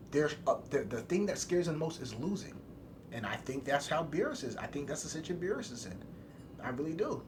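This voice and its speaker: Brief: animated male reviewer, exasperated casual rant, fairly high voice. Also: a little hiss or hum. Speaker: anime reviewer.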